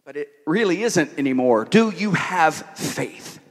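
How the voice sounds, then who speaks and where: A man preaching a sermon to a congregation, repeating key words, asking rhetorical questions and dropping from loud to hushed. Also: fairly high pitch, lively intonation, unhurried. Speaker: pastor. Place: church hall with an audience. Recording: long hall reverb.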